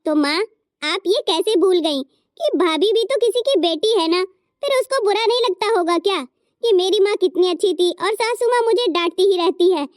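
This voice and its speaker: A woman's voice: very high voice, expressive, normal speed, no echo, clean studio sound. A woman voicing a kind teenage sister-in-law in a cartoon story, who speaks up earnestly for her brother's wife. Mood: pleading. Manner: earnest, pleading.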